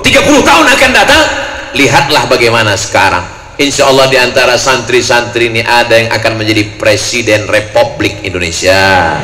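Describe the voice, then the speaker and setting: A forceful, bright-voiced man from Riau, Sumatra, preaches to a crowd. He jokes, acts out quoted voices and breaks into sudden shouts. His voice rings through a large hall with a long reverb and a faint hiss behind it. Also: mid-range voice, lively intonation, a little fast. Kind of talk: lively sermon to a crowd.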